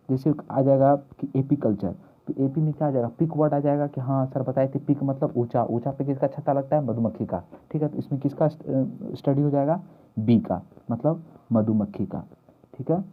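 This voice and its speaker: Male coaching teacher, husky voice, repetitive question-and-answer drilling, lo-fi phone-like recording. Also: medium pitch. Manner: repetitive, asks questions and answers them himself. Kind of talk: mnemonic lesson for exam prep. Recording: tinny phone-like lo-fi audio.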